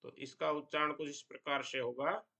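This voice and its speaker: A man teaching a Sanskrit pronunciation lesson, explaining slowly and deliberately and drawing out example sounds. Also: on the high side, steady tone, bright, forceful tone.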